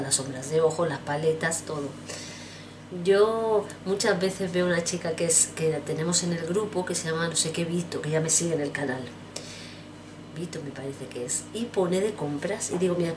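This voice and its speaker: Low-voiced chatty woman vlogging. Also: background noise. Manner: rambling, chatty, affectionate, addresses viewers directly. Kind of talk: casual chat to camera.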